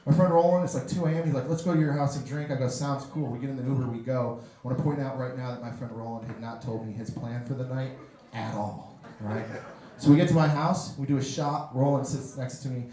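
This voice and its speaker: A man doing a stand-up comedy set on a club stage, telling a story with animated delivery and shouted punchlines. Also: mid-range voice, fast. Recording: roomy live club recording with crowd noise. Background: audience laughter.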